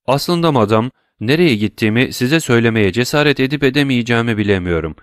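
A man's voice: mid-range voice, expressive, fast, dry recording, studio quality, voice pushed up, natural voice. A man reading an audiobook, voicing a composed, worldly count who speaks in elaborate, courtly phrases.

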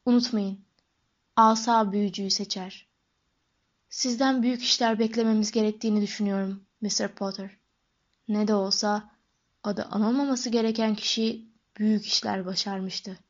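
A woman voicing an eccentric, intense old male wandmaker who speaks in a soft, lowered murmur, in an audiobook. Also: fairly even intonation, normal speed, muffled recording, lightly acted. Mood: hushed, musing.

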